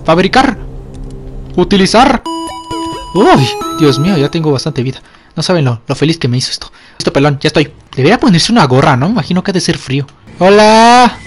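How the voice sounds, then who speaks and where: A young Mexican-accented man narrates his gameplay in a high, bouncy voice that swings all over. He jokes in slang and yelps when scared. Game music plays clearly beneath him. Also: sing-song, a little fast. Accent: Mexican Spanish. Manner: joking, slangy, easily startled. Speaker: gamer. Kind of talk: let's play commentary. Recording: game music playing behind.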